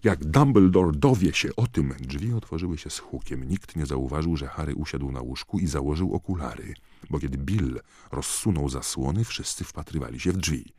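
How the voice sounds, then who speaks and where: A male audiobook narrator with an extremely deep, husky voice, telling the story steadily. The sound is close and completely dry. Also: normal speed, darkish tone, no echo. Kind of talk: audiobook reading.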